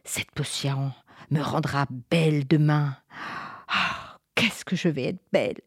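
A woman's voice: low voice, slow, breathy edge, dry recording, studio quality, pitched below the performer's own voice, full character voice. A woman voicing a vain, ugly female witch who frets and mutters to herself over a beauty potion in a storybook reading. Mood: gleeful, fretful. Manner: fussy, gleeful, muttering to herself.

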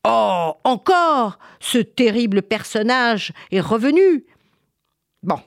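A woman voicing a brave, angry king giving loud commands in a children's story. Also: medium pitch, big pitch swings, unhurried, no echo, studio quality, voice pushed up. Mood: commanding.

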